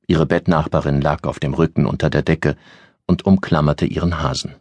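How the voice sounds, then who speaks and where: A man reading an audiobook in a calm, measured narration. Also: extremely low pitch, dry recording.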